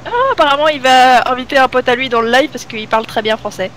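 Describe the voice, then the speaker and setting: A woman from Reunion Island streaming late at night, chatting casually, reading lines aloud and slipping into halting English. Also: sits high, a bit bright, a little hiss or hum, rough recording. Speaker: Twitch streamer.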